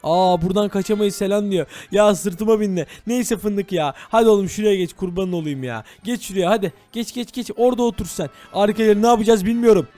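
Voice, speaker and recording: High-voiced excitable young male game host. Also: a little fast, hardly any pauses, faint music behind. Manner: excitable, teasing, constantly addressing viewers. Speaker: gaming channel host. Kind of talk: role-play gameplay commentary.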